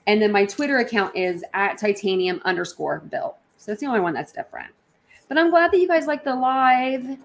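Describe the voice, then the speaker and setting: A woman's gravelly, mid-range voice moves a little fast with lively intonation as she hosts a livestream from her apartment. Her conversation with viewers is rambling, informal, and slangy.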